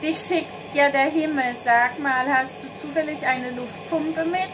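A woman's voice: sits high, unhurried, noisy background. A woman reading an eager chatty schoolgirl. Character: cheerful chatty schoolgirl, smitten.

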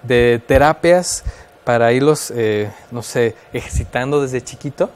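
A man's voice: medium pitch, unhurried, a little mellow, clean tone. Mexican man explaining child development. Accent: Mexican Spanish. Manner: thoughtful, explains with many fillers and restarts. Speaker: guest expert on child development. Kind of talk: explanatory radio talk.

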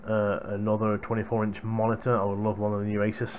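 A young man talks fast to viewers in a casual hardware-review vlog, his fairly low, darkish voice delivered completely flat. The recording comes from a gaming headset's boom mic in a small room at home, with slight background noise.

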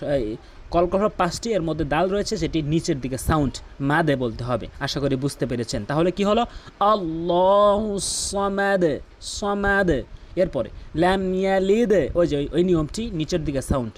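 Brief: man with a Bangladeshi Bengali accent, patient recitation teacher, voice sits a bit high. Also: a little mellow. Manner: patient, repeats words slowly for the viewer to copy. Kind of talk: Quran pronunciation lesson.

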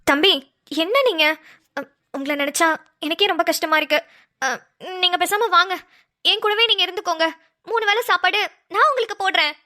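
A woman doing a sweet cartoon mom, gentle and motherly, really high and bright voice. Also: brisk, pauses often. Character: kind, tender-hearted middle-aged mother. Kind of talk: homemade cartoon voice acting.

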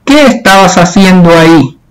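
A man's voice: sits high, lively intonation, normal speed, poor audio. A man reading as a stern scolding aunt.

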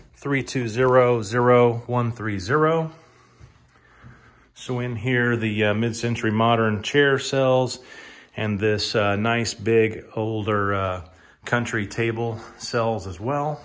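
A male auctioneer with a mid-pitched voice gives an informal, narrated walk-through of sale items while moving through the rooms of a large house. His delivery is halting, and he leans on repetition for emphasis. He holds the phone or camera recording him.

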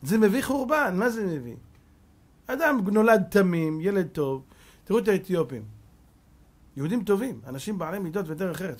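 A man in his fifties delivers a Torah sermon as a rabbi, firing rhetorical questions at his listeners. His voice is husky and sits a little high. He scolds and swings between hushed asides and emphatic lines. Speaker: rabbi giving a lecture.

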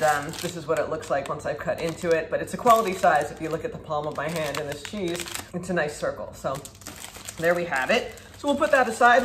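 A woman's voice: on the low side, fairly bright tone, slight background noise. A woman in her thirties reviewing food in a home kitchen, talking in a chatty, upbeat way while she demonstrates, recorded by a camera a few feet away. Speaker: food vlogger. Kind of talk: casual product review. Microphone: camera at a distance, standing at a counter. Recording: echoey kitchen with faint ambience.

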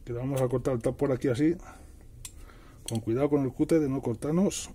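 A middle-aged man hosting a DIY tutorial narrates a hands-on task casually, repeating and rephrasing himself as he works. His mid-range voice is mellow and a bit fast, with a slight hiss or hum in the audio.

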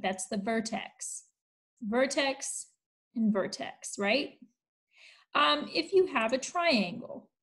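Slow, patient woman teaching a math lesson. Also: fairly high pitch, low-quality recording. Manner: patient, explains step by step with frequent "right?" checks. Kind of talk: recorded distance-learning math lesson.

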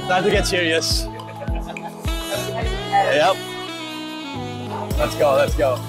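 A man's voice: on the high side, drawn-out words. A man bowling against his brother, commenting offhandedly on his own shots and swearing at them. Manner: offhand, swears, laughs at himself. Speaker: vlogger's brother and opponent. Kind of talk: casual banter during play. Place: large indoor bowling alley. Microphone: camera set behind the lanes, from a distance. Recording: loud music in a bowling alley.

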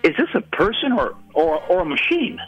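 A man's voice: high voice, sing-song, brisk, soft background music. Stammering, exasperated man on a muffled phone call. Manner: stammering, exasperated, repeating himself. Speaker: prank call victim.

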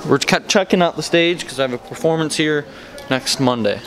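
A young man chatting casually into a handheld camera, sounding hurried as he vlogs backstage. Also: a little high, a bit bright. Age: young adult. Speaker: vlogger, performer. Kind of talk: casual handheld vlog chat. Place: backstage and in school auditorium. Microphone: camera held at arm's length. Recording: noisy handheld camera audio.

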